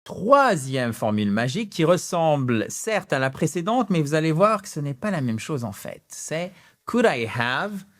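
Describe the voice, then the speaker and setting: A man with a French accent teaching English phrases in an animated online lesson, gesturing and stretching out example sentences with rising intonation. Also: a little high, normal speed, hardly any pauses.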